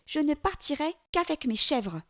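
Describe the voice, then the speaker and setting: A woman voicing a brave, cunning little boy in a storybook reading, with a high, mocking voice. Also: sing-song, normal speed, fairly bright tone, full character voice. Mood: stubborn.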